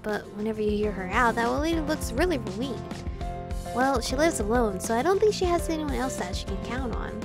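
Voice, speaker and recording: Game music plays behind a young adult gaming video host as she reads in-game dialogue aloud and chats playfully through her let's play. She speaks a little high and a little fast, with an expressive voice.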